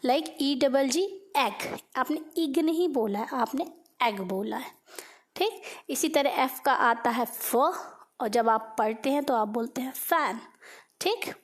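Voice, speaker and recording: High-voiced, slow, patient woman tutor. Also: animated. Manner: patient, checks in with 'okay' after each point, spells letters out slowly. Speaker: English tutor. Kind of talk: explaining a phonics lesson.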